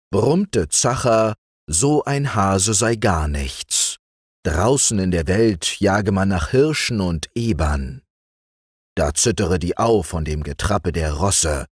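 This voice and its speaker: A man reading fairy tales aloud as a calm bedtime audiobook narrator, close to the mic. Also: low-pitched, breathy edge, dry recording. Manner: calm, measured storytelling.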